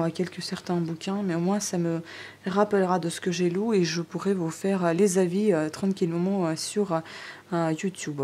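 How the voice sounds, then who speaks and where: Chatty woman with a lowish voice. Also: mellow. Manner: hesitant, many fillers and restarts; chatty, addresses viewers directly. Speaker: stationery haul vlogger. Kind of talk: casual show-and-tell vlog. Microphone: DSLR camera on tripod.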